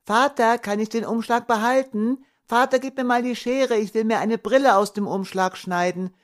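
A man voicing a five-year-old boy with a high, pleading childlike voice. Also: normal speed.

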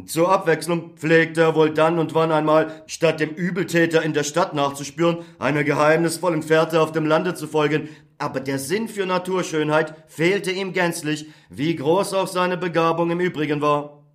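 A man narrating a classic story in an even, literary reading style. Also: a little high, moderate pace. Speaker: audiobook narrator. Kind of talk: scripted narration.

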